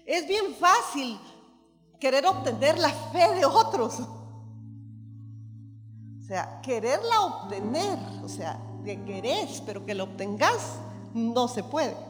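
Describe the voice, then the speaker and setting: A woman's voice: high voice, very animated, slow, long pauses. A woman preaching a sermon, emphatic and repetitive, with frequent calls of amen. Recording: reverberant hall with faint music.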